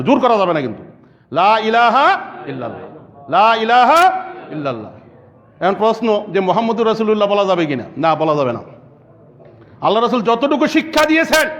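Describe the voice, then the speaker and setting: A man's voice: high voice, a bit bright. A man preaching a sermon to a congregation, asking the audience rhetorical questions and building up emphatic lists. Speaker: Islamic preacher. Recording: lo-fi with long hall reverb.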